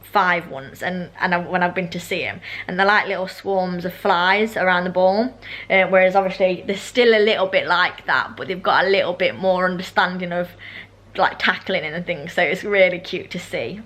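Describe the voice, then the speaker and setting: A young British woman rambles casually in a vlog, interrupting herself informally. Her braces with elastic bands make her speech slightly slushy. She speaks at a normal speed, her voice lowish and a bit bright.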